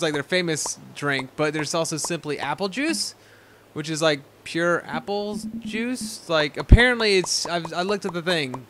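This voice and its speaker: A man's voice: a little high, bright, forceful tone, a little hiss or hum. A young man hosting a casual game let's-play, chatting in a rambling way full of fillers. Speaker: gaming channel host.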